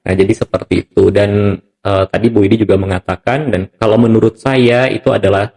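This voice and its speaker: A man hosting a podcast, talking in a relaxed, conversational way with frequent chuckles and emphatic asides. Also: lowish voice, a little fast, vocal fry. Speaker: podcast host.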